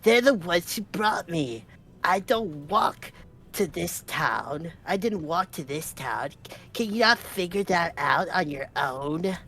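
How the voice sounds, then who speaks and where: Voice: medium pitch, animated, slow pace, sharp tone, exaggerated voice. A streamer voicing a nerdy, snobbish, grumpy boy with a lisp and a nasal, snotty tone, whining and complaining. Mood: ranting. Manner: whiny, irritable complaining. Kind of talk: voicing a character in a story game.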